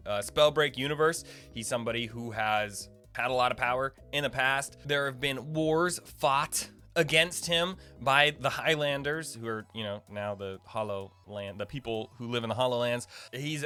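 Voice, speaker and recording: Hosting his own gaming video, a man with a medium-pitched, sharp-toned voice gives rambling, speculative lore commentary in a casual, informal way.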